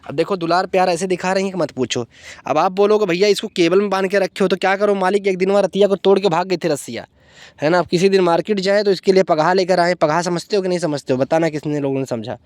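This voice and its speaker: A man's voice: high-pitched, fairly even intonation, fast talker, a little mellow, no room sound. A man from India, vlogging outdoors in a playful, affectionate way while coaxing and teasing his dogs. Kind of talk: casual vlog talk.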